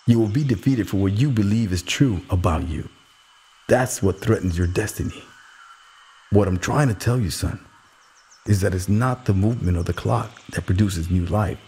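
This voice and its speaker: A man voicing a wise, calm old uncle who gives fatherly advice in a slow, measured way. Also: on the low side, slight background noise, lightly acted.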